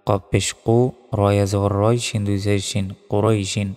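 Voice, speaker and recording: A man teaching Quran recitation who spells out each letter and vowel mark, then chants the words slowly. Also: fairly low pitch, level tone, darkish tone. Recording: long hall reverb with faint music.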